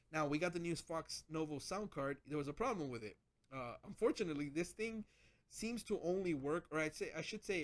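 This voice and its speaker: A man hosting a casual gadget vlog, rambling with lots of restarts as he explains his setup. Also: on the high side. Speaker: channel host.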